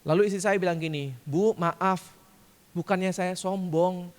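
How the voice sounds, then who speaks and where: High-voiced man preaching in a hall. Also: fairly even intonation, measured pace. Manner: storytelling, acts out quoted shouts. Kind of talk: sermon testimony. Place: large church hall. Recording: long church hall reverb.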